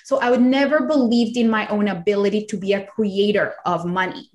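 A woman's voice: mid-range voice, steady tone, fairly quick, darkish tone. A woman from Colombia, a podcast guest and business coach, telling her story in a chatty way with many fillers. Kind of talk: conversational interview storytelling.

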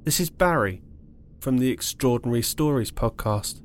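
A man's voice: medium pitch, animated, normal speed, a little hiss or hum. A man hosting a podcast, reading his closing notes and appeals to listeners in an earnest, pleading way. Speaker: podcast host. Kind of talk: scripted podcast narration.

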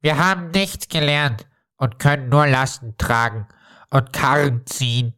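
Woman doing a deep, meek, sorrowful donkey. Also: measured pace, a bit bright. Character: humble sad gentle male donkey.

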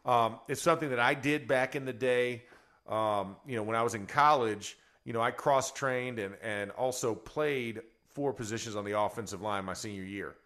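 Bright-voiced man talking sports radio. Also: mid-range voice, moderate pace. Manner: rambling, with restarts and chuckles. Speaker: sports radio co-host, former offensive lineman. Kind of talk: casual sports talk.

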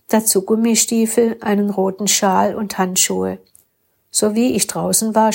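A woman reading a first-person story aloud with calm, steady narration. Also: medium pitch, creaky. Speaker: story reader.

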